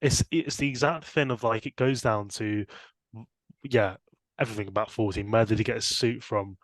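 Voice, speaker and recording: A young man co-hosting a casual podcast chat, animated and laughing often. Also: normal speed, dry recording. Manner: animated, laughs often, rising pitch when excited. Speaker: podcast co-host.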